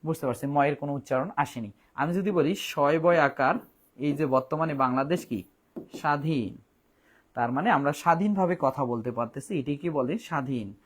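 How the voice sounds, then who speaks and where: A man leads an online Bangla grammar lesson. His voice sits a little high for a man. He slows right down to spell words letter by letter and fills gaps with hesitations and restarts. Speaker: Bangla teacher.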